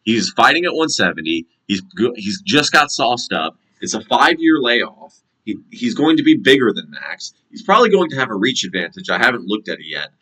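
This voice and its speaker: A man's voice: medium pitch, sing-song, normal speed, few pauses, sharp tone, breathy edge, rough recording. An American man giving a casual fight recap and prediction vlog, blunt and slangy, swearing often. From United States. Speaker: MMA commentator and predictor.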